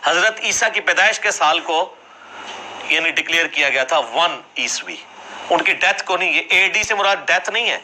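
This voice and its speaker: A man's voice: fairly high pitch, expressive, pushed and bright, a little hiss or hum, poor audio. A man giving a classroom religious lecture, explaining points conversationally and checking that listeners follow. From Jhelum, Punjab, Pakistan. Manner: conversational, explanatory, asks for agreement with tag questions.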